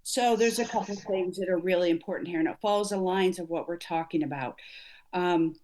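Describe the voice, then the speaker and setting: A woman's voice: lowish voice, brisk, darkish tone. Earnest motivational woman coach. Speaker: executive coach guest. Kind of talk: conversational interview.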